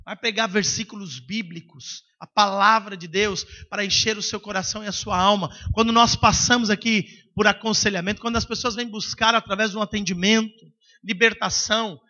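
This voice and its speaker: A man preaching a sermon as pastor, emphatic and at times breaking into shouts. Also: sits high, steady tone, a little fast, highs cut off.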